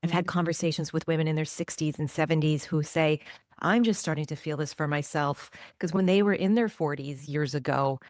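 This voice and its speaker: Low-voiced reflective woman in her forties. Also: steady tone, fairly quick, darkish tone, no echo, studio quality. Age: 40s. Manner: reflective, earnest, emphatic. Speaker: journalist and author guest. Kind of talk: interview answers.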